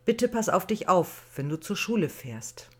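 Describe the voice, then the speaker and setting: A woman's voice: lowish voice, expressive, a little slow, breathy edge. A woman voicing an anxious, caring mother who lectures her daughter, in a storybook reading. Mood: worried. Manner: anxious, admonishing. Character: worried, caring middle-aged mother.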